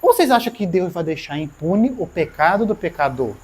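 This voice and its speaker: A woman's voice: lowish voice, a little fast, husky. A woman with a Brazilian Portuguese accent preaching a sermon, acting out dialogues and asking the audience questions. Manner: animated, acts out dialogues, asks the audience questions.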